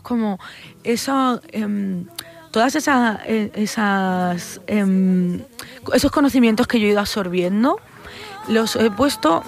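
A young adult flamenco singer from Barcelona, Spain, speaks with a Spanish accent in a mid-range voice. She answers interview questions thoughtfully but hesitantly, with plenty of fillers and restarts.

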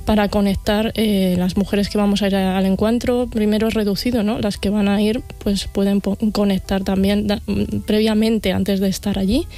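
A woman explaining her festival in a radio interview, measured and explanatory, often pausing with fillers and tag questions. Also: mid-range voice, little pitch movement, mellow, soft background music. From Castilla-La Mancha, Spain. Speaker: festival organizer guest.

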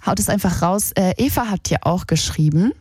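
A woman's voice: on the low side, lively intonation, brisk, darkish tone, husky, no room sound. Woman radio host, casual call-in chat, slangy and encouraging, dry studio sound.

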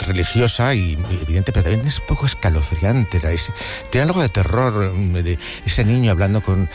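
A radio film contributor shares memories and anecdotes about cinema in a reflective, confiding, conversational way. His voice is deep and expressive, and he talks a little fast over background music.

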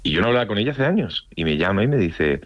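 Very low-voiced and fast-talking, this Andalusian actor chats as an interview guest with an accent blending Andalusian, Madrid Castilian and Mexican Spanish. His storytelling is lively, and he performs what other people said. The audio is close and dry with no echo, and the highs are cut off.

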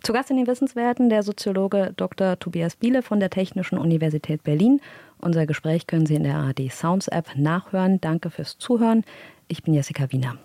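A woman's voice: on the low side, brisk, dark tone, no room sound. A female radio host asking a guest short questions and closing the show. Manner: brief questions, attentive backchannels. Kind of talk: radio interview.

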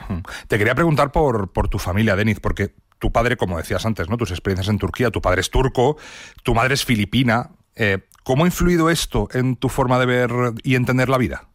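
A man interviewing a guest, pausing with fillers as he frames his questions. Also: mid-range voice, expressive, no echo, studio quality. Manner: hesitant, with fillers before questions.

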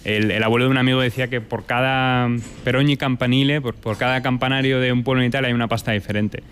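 Spanish chef talking in an interview. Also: male voice, mid-range voice, steady tone, fast talker, a bit bright, slight background noise. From Spain. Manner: thoughtful, many fillers and restarts. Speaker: chef and restaurant owner. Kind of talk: relaxed interview answers.

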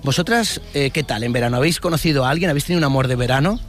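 A man's voice: medium pitch, soft background music. A man with a Peninsular Spanish accent, a playful, chatty street reporter interviewing passers-by outdoors. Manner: chatty, playful, quick to joke. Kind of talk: upbeat street vox-pop interviewing.

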